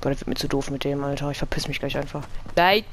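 An excitable gamer bantering crudely in slang over a casual voice chat. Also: medium pitch, fast talker. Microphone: gaming voice chat microphone. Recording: noisy gaming chat with clicks.

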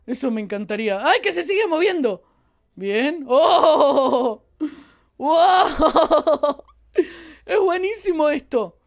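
A woman with a Rioplatense Spanish accent doing excitable let's play commentary as a gaming YouTuber, exclaiming and joking at the viewers. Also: sits high, moderate pace.

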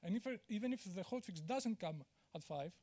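A man speaks from a big auditorium stage into a handheld mic. His voice sits high, and he talks candidly, poking fun at himself. He stops often on "uh" and restarts his sentences. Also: expressive, normal speed, dark tone. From Greece. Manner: candid, self-deprecating, many "uh" fillers and restarts. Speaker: conference speaker. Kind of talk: conference talk.

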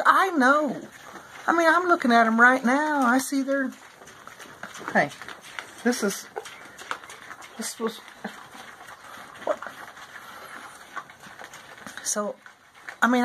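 A man in his forties making a mock-serious confession to a phone camera held at arm's length in an open barn, slow and solemn with long pauses. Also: extremely high pitch, slight background noise. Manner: slow, solemn, deadpan delivery with drawn-out pauses. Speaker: farm vlogger.

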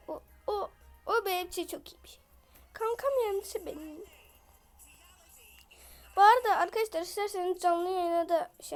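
Very high-voiced excitable woman gamer. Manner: excitable, yells at opponents, chatty slang. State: voice off from illness. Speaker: gaming video creator. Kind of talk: live gameplay commentary.

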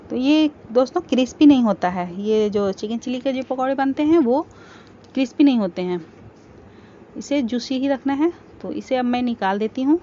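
A woman hosting a cooking channel, calmly explaining each step of a home recipe in a voice-over. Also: high voice. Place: home kitchen. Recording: slightly dull home recording with faint background hiss.

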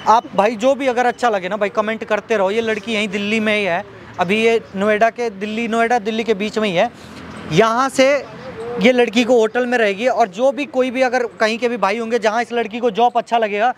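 A man's voice: extremely high pitch, slight background noise. A man appealing to viewers for help, pleading and repeating himself, and soothing when someone cries. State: unwell. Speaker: vlogger helping a young woman.

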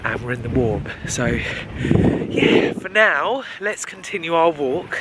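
Speaking slowly with big swings in his fairly high pitch, a young English travel vlogger chats keenly to the camera he holds out. Heavy background noise and music sit behind him across castle grounds, parkland and a shop interior.

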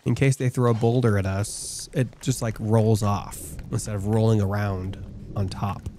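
A man's voice: on the low side, steady tone, normal speed, mellow, a little hiss or hum. A young man hosting a casual gameplay stream, chatting and thinking aloud as he builds and laughing often. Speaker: gaming channel host. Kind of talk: casual multiplayer gameplay chat.

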